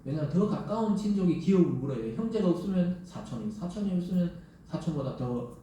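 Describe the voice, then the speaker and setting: A man's voice: high-pitched, lively intonation, quick pace, dark tone, a little hiss or hum. A man preaching a Sunday sermon as pastor, telling the story vividly and acting out the voices of scripture. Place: church sanctuary. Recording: echoey church hall, distant mic.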